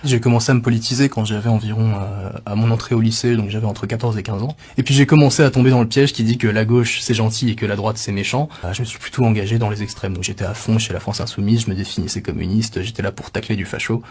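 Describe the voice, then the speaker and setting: A man's voice: fairly low pitch, fairly even intonation, fast talker, hardly any pauses, a little mellow, husky. A young man giving an assertive, emphatic personal testimony in an interview.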